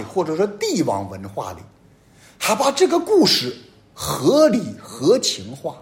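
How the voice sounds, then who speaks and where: Man preaching with sweeping pitch swings. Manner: emphatic preaching, sweeping rises and drops in pitch and loudness. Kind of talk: homily.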